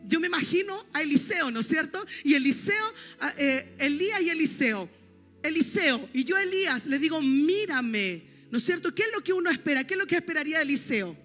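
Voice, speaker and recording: A woman's voice: sits high, expressive, brisk, a bit bright. A woman pastor preaching a sermon, teaching with emphasis and often checking that her listeners follow her. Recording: long reverb, faint music.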